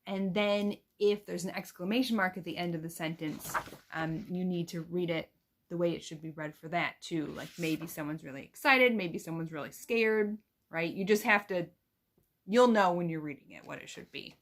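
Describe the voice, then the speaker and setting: A woman's voice: fairly low pitch, normal speed, a little hiss or hum. A young woman teacher explaining how to read picture books to children, then reading one aloud with expression.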